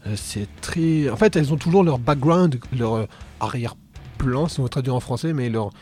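A man's voice: medium pitch, moderate pace, mellow, slightly rough, faint music behind. A man co-hosting a casual podcast chat, talking with many hesitations and fillers. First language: French. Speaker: podcast co-host.

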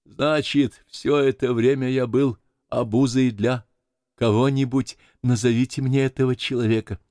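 A man's voice: medium pitch, fairly even intonation, normal speed, warm tone, dry recording, studio quality, voice pushed up, natural voice. A man voicing a grief-stricken, pious elderly man in an audiobook, speaking in a solemn, fervent way. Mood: distressed. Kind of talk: audiobook character voice.

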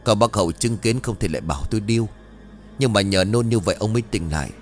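A man's voice: lowish voice, animated, fast, soft background music, lightly acted. A man voicing an earnest young villager who urges and reassures his sick friend. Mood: teasing. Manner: earnest, urging.

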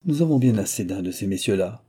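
A man's voice: on the low side, animated, fast, mellow, husky. A man voicing a chatty, gossiping village innkeeper woman in an audiobook. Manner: gossipy, talkative.

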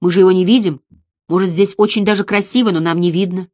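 A woman reading an audiobook, voicing a frail, frightened young woman calling out of the dark. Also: on the low side, fairly even intonation, fast talker, no room sound, voice pushed down, lightly acted. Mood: plaintive.

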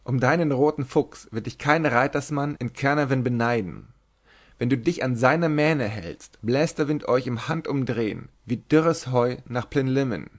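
A sharp-tongued young woman, as a male storybook reader puts her on, bold and mocking. Her retorts come teasing and quick, and at times she drifts into half-chanted rhymes. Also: mid-range voice, expressive, lightly acted.

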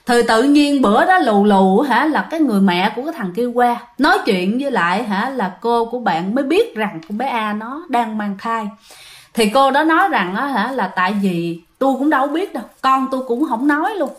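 A woman's voice: fairly high pitch, expressive, fairly quick. A woman with a Southern Vietnamese accent telling a ghost story in a chatty way, often addressing her listeners directly. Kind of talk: casual spoken ghost storytelling.

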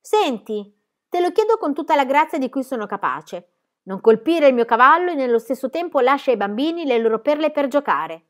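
A woman reading a storybook aloud, voicing a fearless, cheeky young girl in a high, bold voice. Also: big pitch swings, brisk. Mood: defiant.

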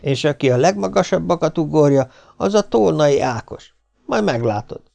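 A man's voice: on the high side, expressive, gravelly, darkish tone, pitched above the performer's own voice. A man voicing an odd, boastful little schoolboy who talks in an eager, confiding way.

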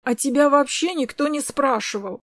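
A woman's voice: high-pitched, moderate pace, fairly bright tone, dry recording, studio quality. Woman reading a mocking, spiteful young woman, audiobook style. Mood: taunting. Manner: sneering, taunting.

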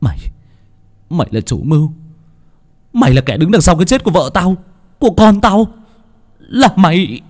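A man's voice: high-pitched, very animated, normal speed, long pauses, darkish tone, pitched above the performer's own voice. A man voicing a desperate, grief-stricken young husband who cries out in strained, wailing tones. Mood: furious.

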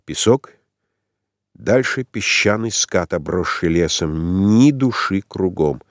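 A man with a very deep, low voice reads a literary audiobook. He is measured and unhurried. The recording is close and dry, with no room sound. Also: expressive, no echo. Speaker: audiobook narrator.

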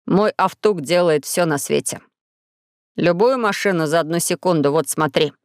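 A woman's voice: on the low side, normal speed, no room sound, clean studio sound, voice pushed down, close to an everyday voice. Woman voicing a sly blue-faced alien boy. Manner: sly and boastful.

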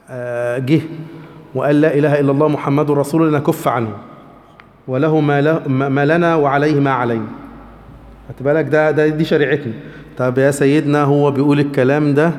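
A man with an Egyptian Arabic accent giving an emphatic, animated religious lesson, often acting out what others say. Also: a little high. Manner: emphatic, animated, acts out quoted speech. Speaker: religious teacher. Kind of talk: lecture on hadith. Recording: reverberant hall.

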